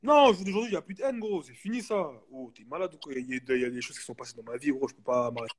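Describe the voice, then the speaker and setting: A young man chatting casually as a guest, telling a story in animated street slang and repeating himself for emphasis. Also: a little high, racing, slight background noise. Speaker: guest, basketball player.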